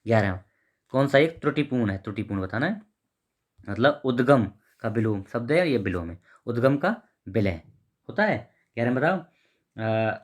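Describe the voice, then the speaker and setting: A man's voice: medium pitch, animated, normal speed. Man teaching an exam test. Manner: informal, repeats words, reads out options and corrects them. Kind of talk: explaining test answers.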